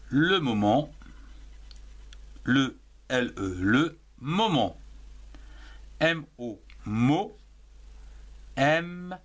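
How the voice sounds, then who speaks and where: A man's voice: a little high, fairly bright tone. A man teaching young children to write, spelling words letter by letter and sounding out each syllable. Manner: slow and deliberate, breaks words into syllables. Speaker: primary school French teacher. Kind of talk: slow dictation lesson, spelling words aloud letter by letter.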